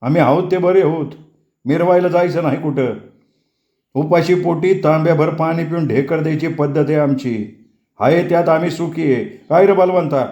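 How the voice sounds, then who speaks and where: A man's voice: on the high side, normal speed, warm tone, reverberant, lo-fi sound, lightly acted. A man voicing a poor, plainspoken village washerman who speaks in rural dialect. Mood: proud.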